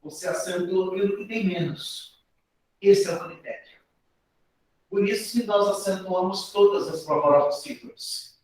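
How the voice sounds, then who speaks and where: A man with a Brazilian accent teaches a grammar lesson for an exam, explaining step by step and often adding tag questions. His voice is high with a darkish tone, at a moderate pace. He sounds distant in a very echoey room.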